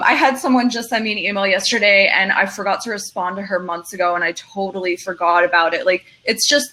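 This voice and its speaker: A woman's voice: mid-range voice, bright, forceful tone, rough recording. A woman speaking in a chatty, rambling way full of fillers as a panelist in a casual online discussion.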